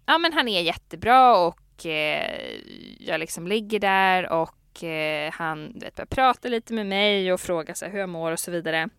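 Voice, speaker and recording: A young pregnant woman co-hosting a casual podcast, telling stories with animated, acted-out quotes. Her voice is smooth and clear. The sound is dry and close, with no room echo. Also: lowish voice. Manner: animated storytelling, laughs often, acts out quotes. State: heavily pregnant. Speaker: podcast co-host. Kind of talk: casual chat.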